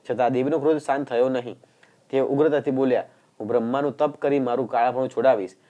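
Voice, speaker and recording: Man narrating scripture in a dark, mellow voice. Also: medium pitch.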